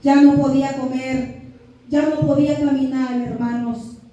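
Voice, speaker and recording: A woman's voice: sits high, level tone, measured pace, warm tone, heavy reverb, distant mic, highs cut off. A woman giving a fervent religious testimony in church, again and again calling out to the congregation. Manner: fervent, repeatedly addresses the congregation.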